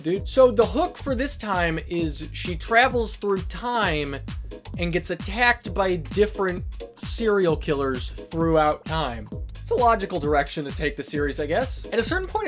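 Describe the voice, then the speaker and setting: Give me a sarcastic, sweary video essayist casually talking games at medium pitch over music. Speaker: video creator reviewing a game.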